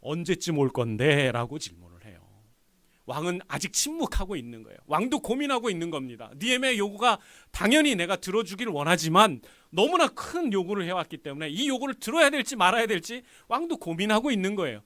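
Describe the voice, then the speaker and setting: A man's voice: sits high, fast talker, dry recording. A male pastor preaching a sermon, telling the story with acted-out lines and questions to the congregation. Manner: animated storytelling, acts out dialogue, asks the congregation questions. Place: church sanctuary.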